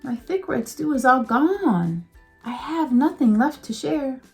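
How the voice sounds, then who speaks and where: A woman voicing a kind elderly woman in a storybook read-aloud, gentle and wistful. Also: high voice, expressive, a little slow, faint music behind. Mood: apologetic.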